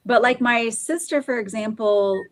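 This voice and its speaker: A woman's voice: on the high side, normal speed, dry recording. Rambling woman with dry sound. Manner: rambling, many "like" and "um" fillers. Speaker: podcast co-host. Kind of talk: casual chat. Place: Oklahoma, US.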